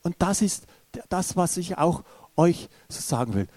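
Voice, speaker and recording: A man's voice: sits high, sing-song, a little slow, darkish tone, dry recording. A man preaching a sermon who retells a story with many fillers and restarts, then speaks to his listeners directly. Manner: addresses listeners directly and urgently.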